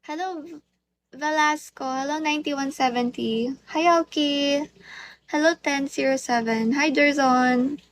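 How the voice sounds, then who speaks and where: Filipino girl doing a phone live stream, high voice, slow easy talk, teasing viewers, a little background noise. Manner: switches between Tagalog and English, playful and teasing. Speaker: livestreamer. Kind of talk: casual live stream chat greeting viewers.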